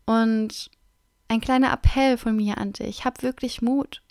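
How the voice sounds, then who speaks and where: A woman speaking as a self-help coach, guiding the listener through calm self-reflection in a gentle, encouraging way that often drops into a soft whisper. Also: on the high side, measured pace, smooth, no room sound, clean studio sound. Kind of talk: guided self-reflection talk.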